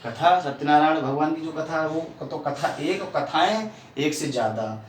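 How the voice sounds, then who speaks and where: A male teacher giving a lesson to young children, speaking slowly and deliberately and repeating each definition. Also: on the high side. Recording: echoey room, distant mic, faint hiss.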